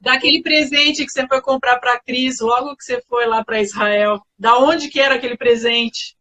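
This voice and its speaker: A woman with a Brazilian accent hosting a live stream on a video call, briskly rallying the viewers. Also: on the high side, fairly even intonation, bright, forceful tone, faint music behind. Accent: Brazilian Portuguese. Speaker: host.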